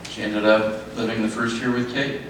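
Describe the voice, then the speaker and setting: A middle-aged man giving a father-of-the-bride wedding speech in a halting way, repeating phrases and speaking in short sentences. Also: lowish voice, level tone. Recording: echoey, noisy room, distant mic.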